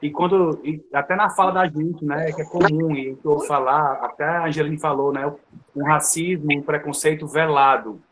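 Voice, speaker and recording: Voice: medium pitch, steady tone, normal speed, a bit bright. A co-host in a casual panel chat, reflective, building a point step by step. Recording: noisy call audio.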